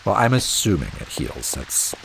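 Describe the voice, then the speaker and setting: In casual gameplay commentary, a let's play host speaks slowly and wryly in a very low voice, thinking out loud. His reactions send his pitch swinging widely, and constant rain noise is clearly heard behind him.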